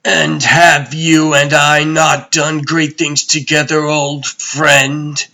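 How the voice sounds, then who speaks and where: A man's voice: a little high, little pitch movement, takes it slowly, vocal fry, sharp tone, exaggerated voice. A man voicing an imperious, menacing god-emperor tyrant in a comic dub, grandiose and commanding in his delivery. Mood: cold, menacing. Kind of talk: theatrical comic-dub villain acting.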